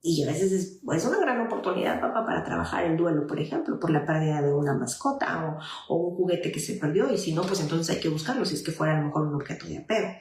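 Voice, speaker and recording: Speaking fast with few pauses, this woman has a deep, expressive, slightly mellow voice. She is a child psychologist and parenting advisor giving live advice and answering viewers' messages, and she frequently uses fillers and restarts. The room echoes.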